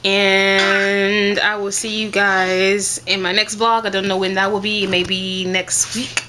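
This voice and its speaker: A woman's voice: medium pitch, little pitch movement, takes it slowly. A woman chatting casually in a vlog, rambling and laughing often as she talks. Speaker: vlogger. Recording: loud background noise.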